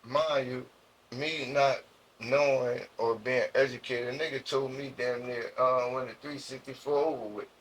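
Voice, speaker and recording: Young Jersey City man, street slang, halting delivery, interview guest. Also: mid-range voice, fairly even intonation, fairly bright tone, a little hiss or hum, poor audio. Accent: New Jersey. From Jersey City, USA. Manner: slangy, halting with many restarts and fillers. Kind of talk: casual storytelling interview.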